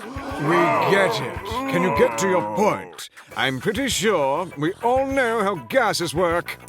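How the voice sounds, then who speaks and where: A man's voice: sits high, big pitch swings, slow pace, fairly bright tone, faint music behind, heavily acted. A man voicing an impatient male elk scientist heckling a speaker in a cartoon. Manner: impatient, exasperated. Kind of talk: cartoon voice acting.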